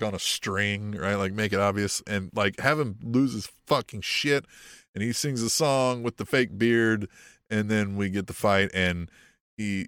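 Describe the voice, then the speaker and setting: A man's voice: fairly low pitch, fairly bright tone, clear, resonant tone, no echo, studio quality. A man hosting a podcast in casual, profane, rambling chat with a sardonic edge. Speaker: podcast host.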